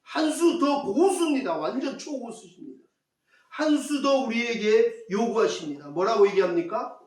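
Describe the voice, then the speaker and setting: High-voiced pastor preaching in an echoey church. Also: male voice, lively intonation, moderate pace, darkish tone, a little hiss or hum. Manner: asks the congregation rhetorical questions; repeats key phrases for emphasis. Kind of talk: sermon. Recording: echoey church hall, mic at a distance.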